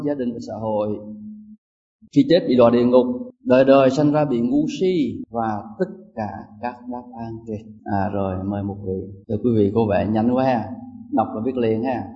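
A man, a Buddhist monk teaching a Dharma class with quiz questions, animated and emphatic, swinging between loud and soft. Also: medium pitch, normal speed. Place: lecture hall with an audience. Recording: distant, muffled lo-fi recording.

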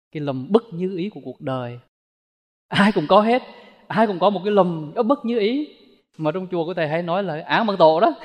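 Brief: male Buddhist monk, higher-pitched voice, folksy dharma talk with a long hall reverb. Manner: folksy, storytelling with rhetorical questions.

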